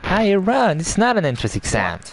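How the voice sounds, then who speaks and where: A man's voice: high-pitched, huge pitch swings, normal speed, heavy background noise. A man plays a game and reads its dialogue aloud, often laughing and correcting himself, with a dry mouth. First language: Swedish. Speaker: gaming YouTuber. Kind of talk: let's play, reading game dialogue aloud. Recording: game music behind.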